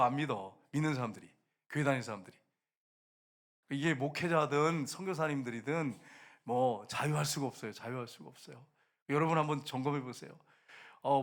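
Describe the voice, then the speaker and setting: A male pastor preaching a sermon in a church, repeating his points with force and swinging between loud exhortation and soft asides. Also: mid-range voice. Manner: repetitive emphatic phrasing. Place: church sanctuary.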